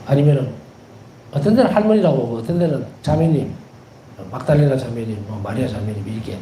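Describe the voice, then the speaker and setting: Animated Korean priest, roomy echo. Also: male voice, mid-range voice, fairly quick, slight background noise. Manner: animated, repeats key words for emphasis; tells anecdotes with gentle humor. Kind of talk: devotional lecture.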